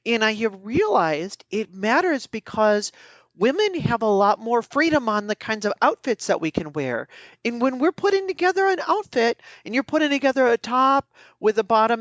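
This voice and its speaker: A woman's voice: fairly high pitch, no echo, dull audio. A woman co-hosting a podcast who talks in an earnest, reflective way, stretching her vowels with a sing-song lilt. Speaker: podcast co-host. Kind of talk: casual conversation.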